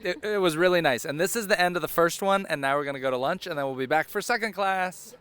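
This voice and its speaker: A man's voice: on the high side, fast, fairly bright tone, clean tone. A man hosting a casual vlog, chatty and upbeat as he walks around a college campus, a little out of breath. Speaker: vlogger host.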